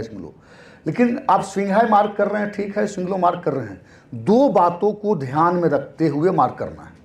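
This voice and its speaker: Guy teaching chart reading, high lively voice, keeps repeating stuff and asking himself questions. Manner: repetitive, asks and answers own questions. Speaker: trading teacher. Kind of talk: classroom-style chart lesson.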